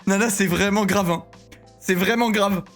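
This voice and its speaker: A man in his thirties chatting casually on a live stream, excitable and rambling, often breaking into giggles. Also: sits high. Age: 30s.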